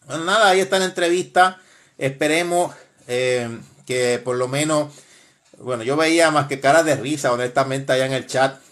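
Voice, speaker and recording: A man's voice: mid-range voice, normal speed, a bit bright. A man hosting a live stream, casually commenting in a mocking, laughing way, with frequent exclamations.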